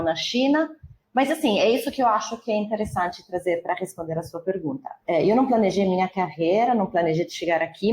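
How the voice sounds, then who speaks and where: A woman's voice: medium pitch, darkish tone, a little hiss or hum, low-quality recording. An Italian woman from northern Italy, speaking with an Italian accent as a guest in a casual panel chat, chatty and full of fillers.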